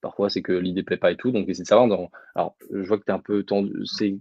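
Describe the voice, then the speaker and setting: A man's voice: sits low, flat delivery, quick pace, creaky, a little mellow, dry recording, dull audio. A man giving casual public speaking advice in a webinar, answering questions informally with many fillers. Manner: informal, addresses audience directly, many fillers.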